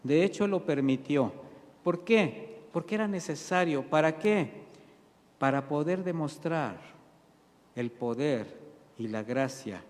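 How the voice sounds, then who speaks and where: A man's voice: on the high side, expressive, slow, long pauses, a little mellow. Preaching man in a reverberant church. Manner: preaching with rhetorical questions and answers; addresses congregation as brothers. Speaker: pastor. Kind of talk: sermon. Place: church hall.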